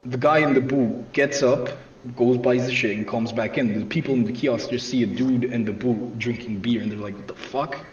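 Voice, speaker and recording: Deadpan male storyteller, profane, dull lo-fi mic, faint hiss. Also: medium pitch, moderate pace. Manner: casual and swearing constantly, deadpan delivery. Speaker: storyteller on a comedy game night. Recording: distant echoey room, dull lo-fi mic, faint noise.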